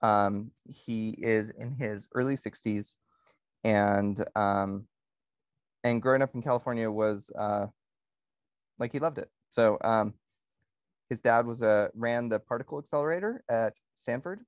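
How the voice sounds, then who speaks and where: A man co-hosting a podcast in casual conversation, pausing often with ums and restarting his sentences. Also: fairly low pitch, no echo. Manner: hesitant, many ums and restarts. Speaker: podcast co-host.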